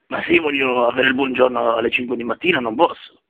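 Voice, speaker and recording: A man acts out an elderly male customer, naive and easily muddled, in a gravelly voice that swings up and down. He is hesitant and apologetic in this comic phone call, heard over a tinny line. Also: mid-range voice, wildly swooping pitch, no echo, heavily acted. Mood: puzzled. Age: older. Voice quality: gravelly, husky. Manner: hesitant, apologetic, slow to grasp things. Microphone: telephone.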